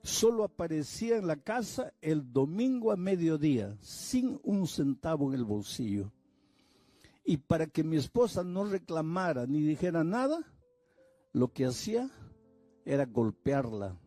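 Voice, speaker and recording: An older man from Peru, a pastor telling a story in a sermon, slow and measured, voicing the people he quotes. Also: on the high side, very animated, mellow, no echo, faint music behind.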